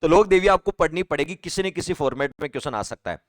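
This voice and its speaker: A man teaches a live online exam-prep class, talking straight to his students. His voice sits on the higher side and the room sounds dry and close. He repeats key points and keeps asking the class questions. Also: expressive, fast talker, no room sound. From Rajasthan, India. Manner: chatty, repetitive, asks students questions and reads out names.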